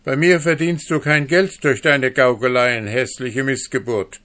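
A man reading a fairy tale aloud, voicing an angry market woman who scolds in shrill, scornful outbursts. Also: fairly even intonation, unhurried, fairly bright tone, lightly acted. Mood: furious.

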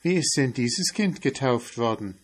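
Man reading as a mouse, female, timid, trusting, high fretful voice, slow storybook delivery. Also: animated, husky. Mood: puzzled. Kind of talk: fairy-tale reading.

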